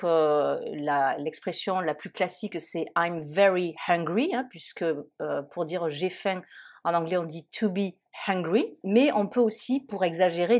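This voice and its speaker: A woman teaches English expressions in a calm, patient lesson. Her voice sits a little low, and she pauses often to explain each phrase. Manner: patient, explanatory, many fillers like euh and hein.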